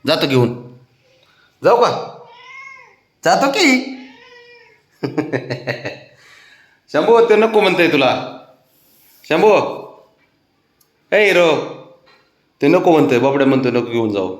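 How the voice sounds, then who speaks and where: A man talks to his pets at home, teasing and coaxing them in sing-song baby talk. His voice sits a little high and swings widely up and down as he plays along. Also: big pitch swings, slow pace, pauses often. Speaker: pet owner talking to his cats.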